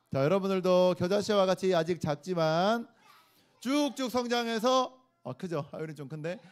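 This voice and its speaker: A man's voice: high voice, smooth. A man, a pastor, giving a children's sermon in a church room, playfully quizzing the kids and having them repeat phrases after him. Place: church worship room indoors.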